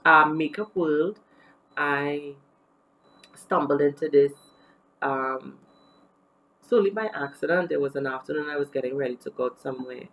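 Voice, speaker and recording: A woman's voice: low voice, normal speed, long pauses, fairly bright tone, rough recording. A woman from Trinidad and Tobago with a Trinidadian accent, chatting candidly in a casual get-to-know-me beauty vlog. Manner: chatty and candid, with many fillers. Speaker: beauty vlogger.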